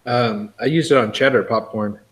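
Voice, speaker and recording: A man's voice: mid-range voice, normal speed, a bit bright. A man in a casual live chat, teasing and egging on his friends while they snack.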